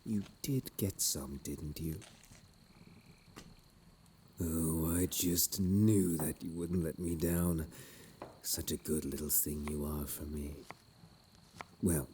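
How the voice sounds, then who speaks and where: Sinister gentlemanly plague doctor , male actor: extremely low, slow, unhurried delivery, theatrical dark-fantasy audio role-play. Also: slight background noise. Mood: doting, teasing. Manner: archaic, theatrical wording, doting and menacing.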